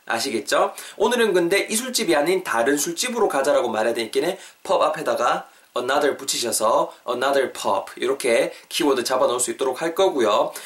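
Man, podcast English lesson, chatty, mid pitch, slightly distant mic. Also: expressive, fairly bright tone. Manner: chatty, asks listeners questions, slows down for example phrases. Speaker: English teacher, podcast host.

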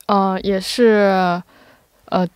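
A woman speaking casually as a quiz contestant, giving quiet, brief and agreeable replies. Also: medium pitch, little pitch movement, very slow, smooth, dry recording, studio quality. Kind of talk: casual chat.

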